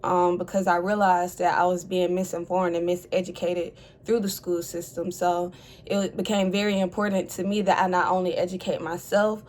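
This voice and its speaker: In interview testimony, an HIV advocate in her twenties recounts her story in a composed, articulate manner. She speaks at a moderate pace in a lowish, slightly mellow voice with little pitch movement, and there's slight background noise.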